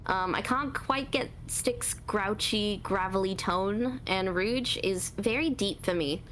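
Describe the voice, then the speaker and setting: This is a relaxed Q&A with a woman, a voice actor and artist, whose naturally high voice fills with ums and pauses as she hesitantly talks about her voice acting and art, laughing at herself along the way. Faint hiss or hum is present.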